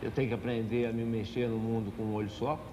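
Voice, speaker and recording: A man's voice: on the low side, little pitch movement, fast, background noise. A man, speaking thoughtfully in a documentary interview. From Minas Gerais, Brazil. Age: 40s. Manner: reflective, thoughtful. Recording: music playing underneath.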